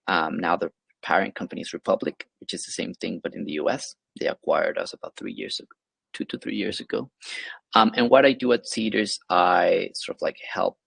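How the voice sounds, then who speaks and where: Speaking as a webinar interview guest, this investment platform associate from Venezuela describes what he does, stumbling through fillers and restarts. His voice is low, creaky, husky, and a bit bright, recorded without any room sound.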